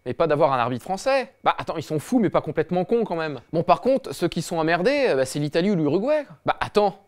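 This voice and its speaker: A man's voice: fairly high pitch, sing-song, fast talker. Cocky slangy man doing a comedy rant. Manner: cocky, slangy banter, swears a lot. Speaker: host. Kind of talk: satirical football comedy monologue.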